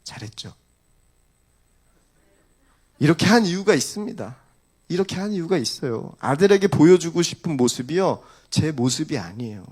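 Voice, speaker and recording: A man in his forties, a pastor preaching a sermon with animated storytelling, acting out family dialogue. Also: on the high side, brisk, breathy edge.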